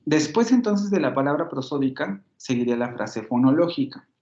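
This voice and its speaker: His voice here is fairly high, dark and animated, at a moderate pace, as the Mexican Spanish-accented instructor patiently explains phonetics slides to a university class online. He repeats himself, corrects his wording and says "ujú", all captured on a slightly muffled lo-fi recording.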